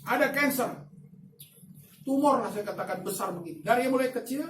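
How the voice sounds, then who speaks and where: A male pastor delivers a sermon in an animated storytelling way, dropping into quiet asides and then rising into loud, emphatic bursts. His voice sits some way from the microphone. It rings in an echoey church hall over faint ambient noise. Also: extremely high pitch, fairly quick, distant mic.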